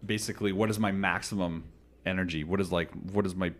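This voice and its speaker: A man in his thirties hosting a casual interview, talking in a rambling, animated way and laughing often. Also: deep voice, fast talker. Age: 30s. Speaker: podcast host.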